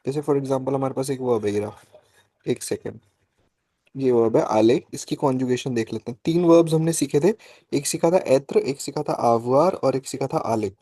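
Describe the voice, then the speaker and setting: Over a video call, a man teaches French in a live online class that mixes Hindi and English. His mid-range voice is mellow and dry, with no room sound. He explains slowly and patiently, checking in with students often by asking "ठीक है."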